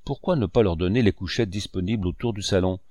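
A man's voice: sits low, fast, mellow, no echo, studio quality, close to an everyday voice. A man reading an audiobook, voicing a blunt male ship captain who speaks formally and firmly. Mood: stern. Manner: formal, firm, clipped.

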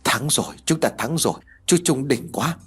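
A man voicing an excitable young man who shouts in a raised, husky voice. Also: mid-range voice, normal speed, soft background music, pitched above the performer's own voice. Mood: elated.

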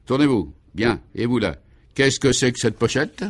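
A man voicing a dapper, fastidious police commissioner in his fifties in a vintage radio play, speaking in a clear, crisp, commanding way. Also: medium pitch, very animated. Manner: crisp, commanding, fussily precise.

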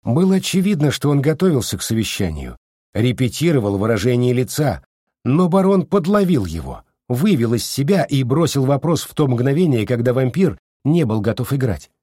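A man narrating an audiobook, expressive, voicing every character himself. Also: mid-range voice, moderate pace, no echo, clean studio sound. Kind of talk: scripted narration.

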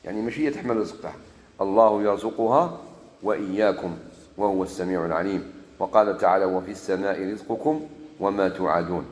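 A man with an Algerian accent preaching a sermon, moving between solemn scripture recitation and lively everyday dialect. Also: low-pitched, fast, roomy sound, in a large hall. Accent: Algerian Arabic. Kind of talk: sermon mixing classical Arabic and dialect.

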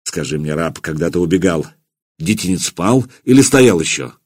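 A man voicing a cold, commanding old voivode in an audiobook, speaking in clipped, quietly menacing phrases. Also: deep voice, expressive, moderate pace. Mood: cold, stern. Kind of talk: audiobook character voice.

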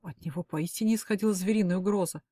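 A woman's voice: medium pitch, fast talker, dark tone. A woman narrating a first-person romance novel as an audiobook, with emotive, dramatic delivery. Her voice is recorded close and dry, with no room echo.

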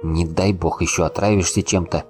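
A man voicing a weary young soldier who speaks quietly and thoughtfully. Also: low voice, fairly even intonation, moderate pace, faint music behind, natural voice.

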